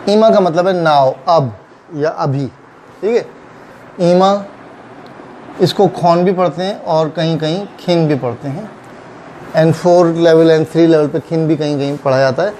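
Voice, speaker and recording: A man teaching a kanji lesson, explaining slowly and patiently and repeating each reading. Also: on the high side, a little mellow, slight background noise, low-quality recording. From Pakistan. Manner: slow, patient, repeats words, checks in with "theek hai". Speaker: Japanese language teacher.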